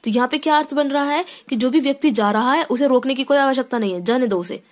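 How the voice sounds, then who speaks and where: A woman's voice: sits high, quick pace. A woman teaching a grammar lesson. She explains step by step, often checks in with "theek hai", and reads each rule aloud before unpacking it. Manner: reads sentences aloud then explains them.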